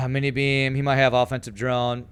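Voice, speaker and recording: This young Californian streamer has a mid-range, smooth voice and speaks at a normal speed with an American accent. He keeps things relaxed while gaming, reading his chat out loud and responding, as faint music plays behind him.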